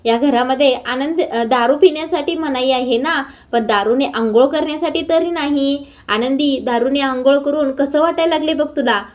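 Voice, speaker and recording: A woman voicing a mocking, drunken bully of a man with a high voice. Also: moderate pace, few pauses, lightly acted. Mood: jeering. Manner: taunting, jeering.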